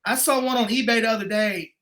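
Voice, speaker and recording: A middle-aged man talking as a guest in a casual conversation, telling stories in a rambling, animated way. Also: extremely high pitch, fast talker. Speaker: guest martial arts instructor.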